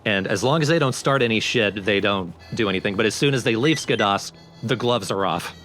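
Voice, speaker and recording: Fairly quick and fairly bright, a lowish male voice offers casual let's play commentary, walking through the game step by step over its music.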